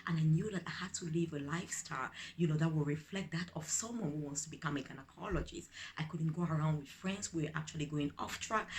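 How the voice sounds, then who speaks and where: A woman's voice: sits low, slight background noise. Earnest Cameroonian woman giving encouragement. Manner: earnest, repeats key phrases for emphasis. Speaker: empowerment coach and speaker. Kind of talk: inspirational video message.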